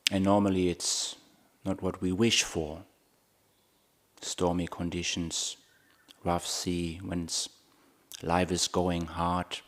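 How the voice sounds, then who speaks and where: A man with a low voice guides a meditation at a very slow pace, placing short phrases one by one with long, deliberate pauses between thoughts, much like a monk teaching. His pitch barely moves, and his tone is a bit bright.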